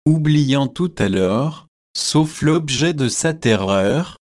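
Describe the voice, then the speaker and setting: A man narrates a classic novel as an audiobook. His reading is slow and deliberate, and his voice sits at an ordinary middle pitch. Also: animated, a little mellow.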